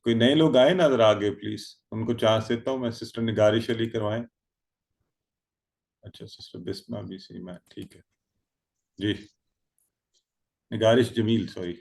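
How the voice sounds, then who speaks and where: A man's voice: lowish voice, vocal fry, pauses often, darkish tone. A man teaching an online Arabic grammar lesson, drilling verb forms by repetition and calling on students by name over a video call.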